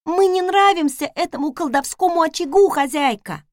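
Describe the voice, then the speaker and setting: A woman voicing a timid, excitable young maid with a breathless, eager manner. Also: extremely high pitch, moderate pace, no room sound, studio quality, pitched above the performer's own voice. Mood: excited.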